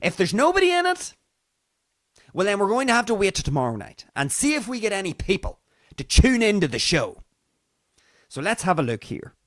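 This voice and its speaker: A man with a Northern Irish accent talks casually to his livestream audience as host. His voice sits fairly high and swings widely in pitch. He is theatrical, repeating phrases for emphasis, and the sound is close and dry. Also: sing-song, fairly quick, dry recording. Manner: theatrical, emphatic repetition for effect. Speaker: livestream talk show host. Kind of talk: casual monologue to live stream audience.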